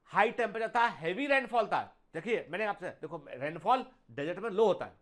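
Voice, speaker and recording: A high-voiced man with lively intonation and a slightly bright sound gives an online exam-prep biology lecture. He alternates Hindi and English, reads English lines aloud at a slower pace, calls his students "beta," and often says "theek hai."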